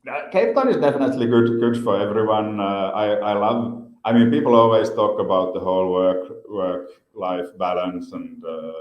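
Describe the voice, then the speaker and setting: Low-voiced Finnish man in an echoey room. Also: moderate pace, hardly any pauses, highs cut off. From Finland. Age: 50s. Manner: hesitant, many repeated words and fillers. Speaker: guest. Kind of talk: interview answers.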